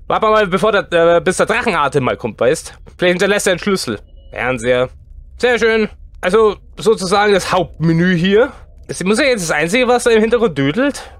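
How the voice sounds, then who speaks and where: Excitable high-voiced male gamer. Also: no echo. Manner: excitable, chatty, talks to the game characters. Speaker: let's play host. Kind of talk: horror game commentary.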